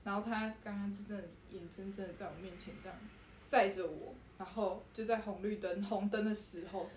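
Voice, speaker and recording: A woman's voice: mid-range voice, brisk. A woman, co-hosting a casual podcast and recounting events expressively. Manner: expressive, exclaims and laughs while recounting. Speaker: podcast co-host. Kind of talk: casual chat. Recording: roomy echo, faint background noise.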